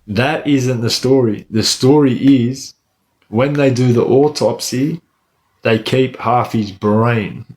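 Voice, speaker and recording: Casting: Australian male livestream host, casual storyteller, heavy eshay street slang, mid-pitched voice. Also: slow pace, a little mellow. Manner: Aussie eshay street slang, says lad and bro often.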